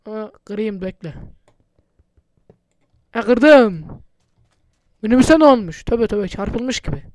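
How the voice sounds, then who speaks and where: A man's voice: sits high, expressive, slow, no room sound. A man doing casual, chatty gameplay commentary for his channel, muttering to himself and swearing often. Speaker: gaming YouTuber.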